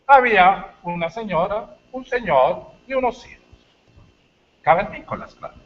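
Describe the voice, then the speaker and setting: A man giving a university lecture, telling stories with animated, shouted bits. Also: high-pitched, unhurried, dull audio. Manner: animated storytelling, shouts acted lines. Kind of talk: lecture talk.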